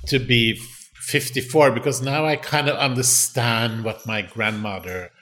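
A man's voice: mid-range voice, fairly even intonation, measured pace, sharp tone. A man in his fifties hosting a casual podcast chat, talking expressively with sighs, laughs and dramatic exclamations. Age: 50s. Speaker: podcast host.

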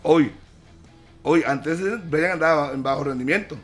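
A man on a sports panel, cutting in often and quick to concede a good point. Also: on the high side, a bit bright, faint music behind. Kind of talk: heated sports debate.

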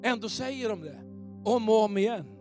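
Male pastor, high voice, lively preaching in church, faint keyboard underneath. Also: soft background music. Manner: animated, questioning the congregation. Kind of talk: sermon. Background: soft keyboard pads.

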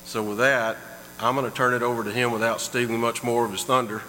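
A man's voice: mid-range voice, level tone, fast, bright, forceful tone. A middle-aged man giving a heartfelt storytelling introduction of a guest in church. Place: church sanctuary. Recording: long hall reverb, faint mains hum.

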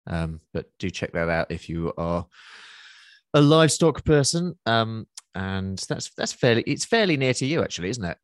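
A man's voice: fairly low pitch, sing-song, moderate pace, no echo, clean studio sound. A man hosting a casual interview, informal and often restarting his questions mid-sentence. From Essex, England. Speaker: podcast host, interviewer. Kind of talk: casual chat.

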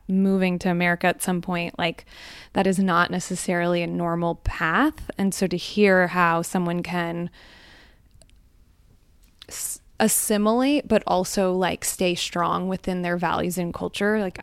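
A woman on the hot seat at a live event, telling personal stories in a candid, reflective way with frequent soft ums. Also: fairly low pitch, little pitch movement, unhurried, clean tone, dry recording, studio quality. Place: live event before a small audience.

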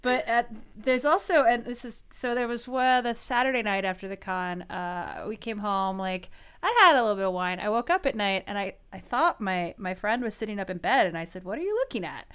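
A woman's voice: medium pitch, moderate pace, fairly bright tone, clean tone. A woman in her thirties co-hosting a podcast, chatting casually with lots of "like," restarts and giggles. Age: 30s. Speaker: podcast co-host. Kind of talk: casual chat.

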